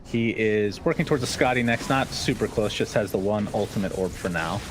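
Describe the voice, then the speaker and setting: A man doing play-by-play esports commentary, his pitch jumping sharply upward whenever a fight breaks out. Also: brisk, noisy background.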